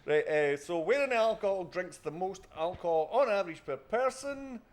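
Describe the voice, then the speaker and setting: A Scottish man with a slightly high voice runs a quiz round on a podcast. He reads questions out between bursts of laughter and cheerful swearing. His voice swings up and down a lot as he talks. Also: lively intonation, normal speed. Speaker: quiz host. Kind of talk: casual podcast banter.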